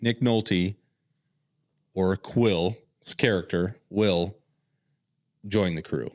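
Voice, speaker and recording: A man co-hosting a casual podcast, animated and jokey, steering the discussion. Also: sits low, extremely slow. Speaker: podcast co-host.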